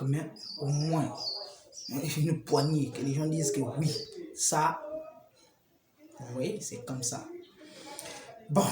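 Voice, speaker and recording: A man with a Congolese French accent giving informal preaching advice, conversational, with rhetorical questions and chuckling asides. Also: mid-range voice. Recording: roomy hall with crowd behind.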